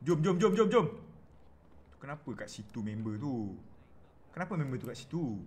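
A young Malaysian man livestreams his gameplay, commenting as he plays and scolding the characters on screen. He is excitable and laughs a lot, speaking at a moderate pace in a medium-pitched voice.

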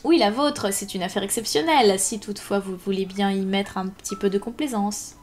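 A woman's voice: mid-range voice, fairly quick, darkish tone, a little hiss or hum, close to an everyday voice. A woman reading aloud plays a cold, relentless male ex-police inspector who speaks dryly and with hard precision, over faint music. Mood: pressing. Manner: dry, hard, precise, menacing. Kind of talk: live audiobook reading.

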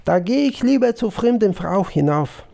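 A man's voice: high-pitched, animated, normal speed, gravelly, dark tone, voice pushed up, exaggerated voice. A man reading a story and voicing a frightened young girl, the charcoal burner's daughter, sobbing. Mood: refusing.

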